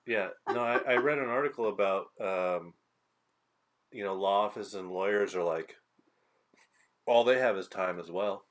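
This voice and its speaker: A man with a very low voice trades casual banter on a podcast. His delivery is dry and deadpan, with blunt, crude jokes. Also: normal speed, long pauses. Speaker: podcast co-host. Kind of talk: casual chat.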